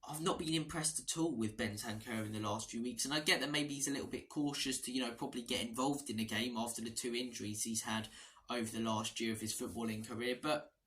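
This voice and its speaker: This football preview is a loose, chatty monologue from a fan channel host, a hoarse man speaking quickly with medium pitch and fairly even intonation. He comes across bright and forceful, straying from the topic and starting phrases over.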